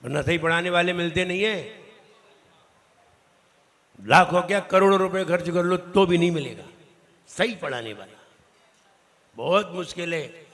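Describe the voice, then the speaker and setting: High, bright-voiced monk drilling pronunciation. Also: male voice, lively intonation. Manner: corrects students, drills syllables slowly. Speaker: Jain monk teaching recitation. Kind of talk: recitation class, correcting pronunciation. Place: temple hall. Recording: long reverberant hall.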